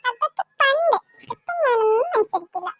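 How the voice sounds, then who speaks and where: A woman's voice: extremely high pitch, sing-song, fairly quick, a bit bright, soft background music, exaggerated voice. A woman voicing a cheeky, whiny little girl who teases her older sister in a cartoon. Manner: whiny, teasing. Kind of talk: cartoon voice acting.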